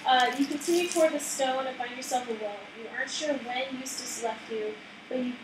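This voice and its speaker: A woman's voice: high voice, steady tone, fairly quick. A woman reading a board game story aloud to her players, then chatting and laughing with them. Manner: reads narration, then chats and laughs with players. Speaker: game narrator. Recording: echoey room, distant mic, background noise.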